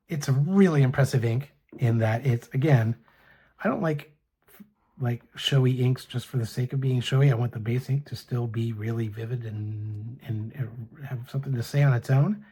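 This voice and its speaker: Mellow, husky-voiced man reviewing pens. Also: mid-range voice. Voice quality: soft-spoken, hesitant with fillers and restarts. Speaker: pen and ink reviewer. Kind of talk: casual show-and-tell review.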